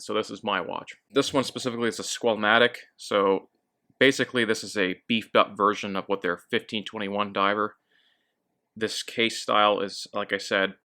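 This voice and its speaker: Man in a casual review, lowish pitch, bright tone, easygoing and a bit halting. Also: gravelly. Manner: relaxed, with fillers and self-corrections. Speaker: watch reviewer.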